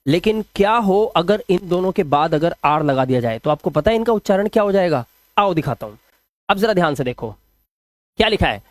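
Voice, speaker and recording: A man teaching English pronunciation rules in a classroom-style explanation, asking questions and answering them himself, and drawing out sample words slowly. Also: sits high, animated, no room sound.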